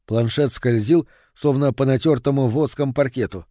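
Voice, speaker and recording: A man reading a horror novel aloud in an even, measured way. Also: mid-range voice, no echo, studio quality. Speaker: audiobook narrator. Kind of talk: scripted horror narration.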